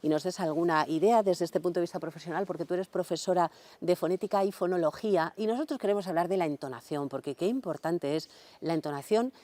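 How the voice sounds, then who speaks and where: A woman hosting a radio interview, asking questions slowly with hesitant fillers. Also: lowish voice, mellow, no echo. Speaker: radio host. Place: radio studio.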